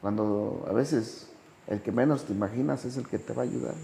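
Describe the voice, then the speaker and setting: A man, talking slowly and reflectively as a sponsor, telling anecdotes with big swings in pitch. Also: creaky, dark tone, in a large hall, slight background noise. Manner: slow, measured delivery with dramatic pitch swings when telling anecdotes. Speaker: sponsor and podcast guest. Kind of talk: reflective conversational storytelling.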